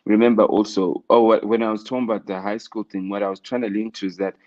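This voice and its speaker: Man, South African accent, very deep voice, reflective casual talk, dull lo-fi recording. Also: steady tone, fast talker, a little mellow. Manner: reflective, many fillers and restarts. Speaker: interview guest, rapper. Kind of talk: casual conversation. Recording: dull lo-fi sound.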